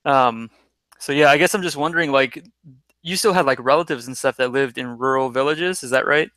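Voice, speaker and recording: A man's voice: mid-range voice, fairly quick, pushed and bright, dry recording. A man hosting a casual interview with a former student, asking friendly, rambling questions. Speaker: interview host, former teacher. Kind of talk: casual video-call interview.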